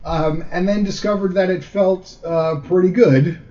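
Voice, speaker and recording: A man's voice: high-pitched, fairly even intonation, measured pace, warm tone. A man co-hosting a comedy podcast, chatting casually with rambling jokes and many fillers, and reading a story aloud. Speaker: podcast co-host. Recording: dull lo-fi recording.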